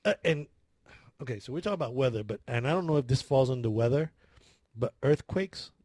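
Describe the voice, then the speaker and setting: A man's voice: mid-range voice, lively intonation, brisk, darkish tone, no room sound, studio quality. A man telling a story in a casual chat, laughing, swearing and acting out his own panicked screams.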